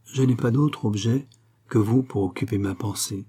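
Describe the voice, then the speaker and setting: A man's voice: lowish voice, moderate pace, mellow, slightly rough. A man reading an audiobook voices an earnest young woman, a devoted fiancée who talks in a pleading, insistent way.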